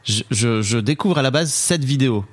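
A man co-hosting a podcast in loose, animated chat, cursing casually and tripping over his restarts. His mid-pitched voice sits dry and close to the mic. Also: moderate pace, dry recording. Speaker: podcast co-host.

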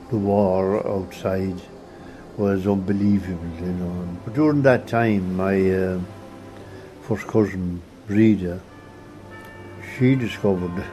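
An older Irish man with a Kerry accent reminiscing in a hesitant, halting way. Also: lowish voice, low-quality recording. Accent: County Kerry, Irish. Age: 60s or older. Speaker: interviewee. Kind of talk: unscripted reminiscence.

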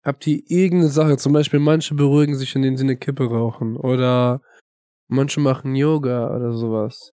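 A man's voice: mid-range voice, fairly even intonation, normal speed, dark tone, dry recording, clean studio sound. A man in casual podcast chat, using slang and asking the others questions. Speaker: podcast co-host.

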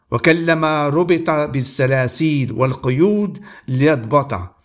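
Man reading scripture, measured and high. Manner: measured, deliberate reading with pauses. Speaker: preacher. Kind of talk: Bible reading with sermon commentary.

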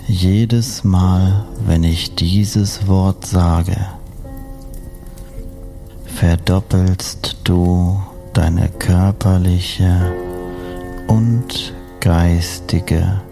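A man speaking as a sleep story narrator and meditation guide, soothing and hypnotic, with long unhurried pauses. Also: low voice, fairly even intonation, creaky, warm tone, soft background music. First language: German.

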